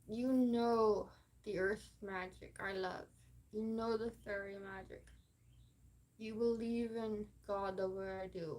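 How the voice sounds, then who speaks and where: A woman hosting a livestream, talking in a rambling, emphatic monologue full of swearing and fillers. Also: medium pitch. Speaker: livestream host.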